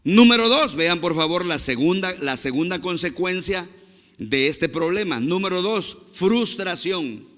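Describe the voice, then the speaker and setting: A man's voice: sits high, animated, a bit bright, in a large hall. A man preaching a sermon as pastor, emphatic and drawn out on key words, speaking to his congregation. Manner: emphatic, slow stresses on key words, addresses the congregation as brothers. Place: church.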